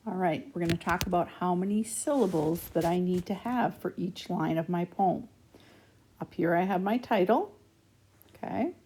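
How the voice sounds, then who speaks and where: A woman's voice: lowish voice, dark tone, slightly rough. A woman teaching young schoolchildren in a recorded remote lesson over slides, patiently walking through each step and checking in with frequent "okay?".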